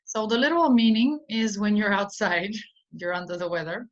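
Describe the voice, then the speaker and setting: In a dull, lo-fi recording, a woman at normal speed and medium pitch explains an English idiom during a slow-paced online vocabulary lesson. She's patient, keeps things simple, and says "um" a lot.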